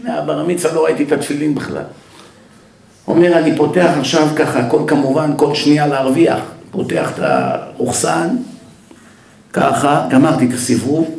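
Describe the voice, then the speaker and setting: Male rabbi, story sermon, somewhat high voice, acts out the dialogue, roomy echo. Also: creaky, darkish tone. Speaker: rabbi giving a Torah lecture.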